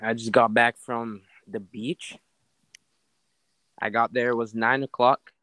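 A man's voice: medium pitch, flat delivery, takes it slowly, bright, forceful tone, slight background noise, low-quality recording. A man in casual chat with a friend, laid-back and slangy, laughing often.

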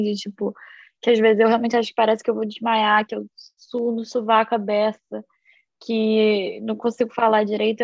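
A woman, co-hosting a podcast in a relaxed, frank, chatty way. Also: fairly high pitch, gravelly, no room sound, highs cut off. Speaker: podcast co-host. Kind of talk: casual chat.

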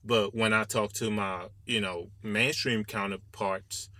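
Bright-voiced man in a dry, close recording. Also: lowish voice, fairly even intonation, measured pace, dry recording. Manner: discursive, rhetorical check-in questions. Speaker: podcast co-host. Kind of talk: casual panel discussion.

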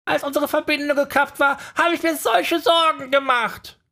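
Brief: little talking owl, high, squawky and overjoyed, storybook audiobook. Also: male voice, fairly even intonation, normal speed, creaky, sharp tone, heavily acted. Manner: crowing, overjoyed, clingy. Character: small excitable male owl companion.

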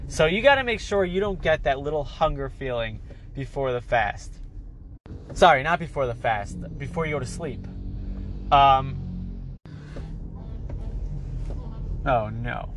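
Faint music plays behind this congested man, whose medium-pitched voice has lively intonation. Hosting a podcast solo, he talks casually and unhurriedly, pausing often, and his nasal, cold-affected speech wanders as he stumbles, repeats words and starts sentences over.

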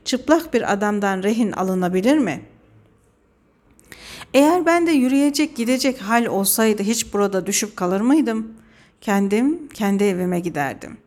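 A carefree drunk man lying by a wall, answering back with cheeky, dodging replies, his voice lifting high, as a woman reads him out. The voice sits at an everyday middle pitch. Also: expressive, moderate pace, a little mellow, natural voice. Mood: pleading.

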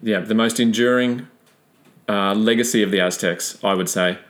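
A man's voice: lowish voice, fairly even intonation, moderate pace, fairly bright tone. An Australian man guesting on a casual history podcast, agreeable and explaining things in an easygoing way.

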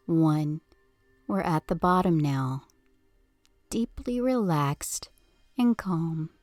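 A woman leading a guided hypnosis session with a slow, soothing countdown delivery, soft and breathy at phrase ends. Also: low-pitched, expressive, dry recording, soft background music. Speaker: hypnosis podcast host.

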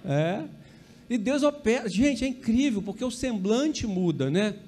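A man's voice: sits high, lively intonation, unhurried, mellow. A Brazilian man preaching a sermon as pastor, chatty and conversational, often checking in with the congregation and joking about his own slips. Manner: conversational, peppered with tag questions to the congregation; self-correcting, joking asides.

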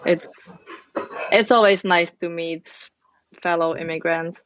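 A woman's voice: fairly low pitch, steady tone, slow pace, a bit bright, dry recording, dull audio. A woman in her early thirties with a Czech accent, a podcast guest chatting casually in English as a non-native speaker. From Czech Republic. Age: early 30s. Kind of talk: casual conversation.

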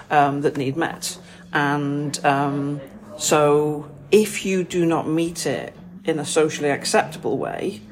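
A woman co-hosting a casual podcast chat as a therapist, explaining things in a measured way with dry humour. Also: sits low, a little hiss or hum, low-quality recording. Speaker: therapist co-host. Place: festively decorated room with background music.

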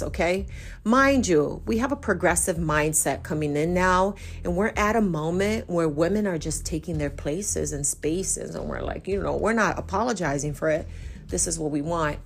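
A woman from Brazil in her forties, a native Portuguese speaker, chats through a solo podcast with a low voice. She talks in a lively, chatty way and restarts her phrases as she goes. A faint hiss sits under the recording. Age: 40s. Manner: chatty, animated, self-correcting. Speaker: podcast host.

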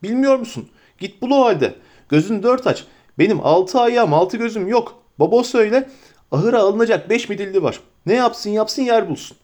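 A man reading aloud and voicing a stout, bustling, forgetful middle-aged innkeeper who chatters in a hurried, flustered way. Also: high-pitched, animated, darkish tone, pitched above the performer's own voice. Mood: bossy.

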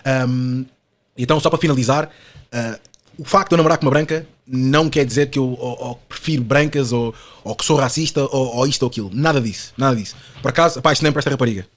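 A man's voice: mid-range voice, fast talker. A man in his twenties with a European Portuguese accent, a podcast guest chatting casually in slangy, rambling talk full of fillers and tag questions. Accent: European Portuguese, Lisbon slang. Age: 20s.

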